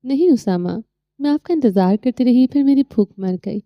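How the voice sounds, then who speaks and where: A woman voicing a gentle, innocent young woman on a phone call in an audio novel. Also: high-pitched, lively intonation, no room sound, voice pushed up. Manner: soft, gentle.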